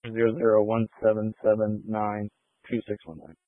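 A man's voice: lowish voice, completely flat delivery, normal speed, dry recording. A male police officer heard over a two-way radio, giving clipped calls and reading plates in the phonetic alphabet. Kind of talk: terse radio traffic. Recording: narrow, dry two-way radio line.

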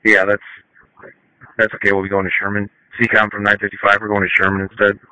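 A man's voice: lowish voice, monotone, fast talker, bright, forceful tone, no echo. A male ambulance crew member making terse, procedural calls over a two-way radio. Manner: clipped, procedural. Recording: dry, slightly narrow radio audio.

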